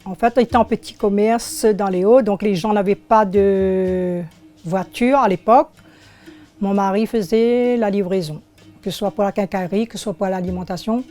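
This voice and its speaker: An older woman in her sixties from Réunion, speaking, recalling her life as a shopkeeper in an unhurried, hesitant way. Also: mid-range voice, mellow, faint music behind. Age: 60s. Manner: unhurried, hesitant, searching for words. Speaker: shopkeeper interviewee. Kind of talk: oral history interview.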